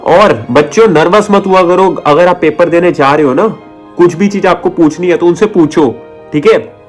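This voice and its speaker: A man's voice: sits high, normal speed, soft background music. A chatty young man telling stories and giving tips in a casual vlog, often acting out people and sounds. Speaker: vlogger giving exam tips.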